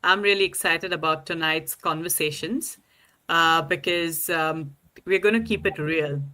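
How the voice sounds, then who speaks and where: A woman's voice: low-pitched, a little slow, bright, forceful tone. A woman hosting a live online panel discussion over a video call, upbeat and welcoming.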